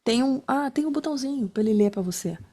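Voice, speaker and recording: A woman's voice: sits high, expressive, quick pace, dark tone. A woman teaching an online class in a casual, chatty way, often tagging her sentences with little check-ins. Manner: chatty, many fillers like né and tá. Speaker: instructor.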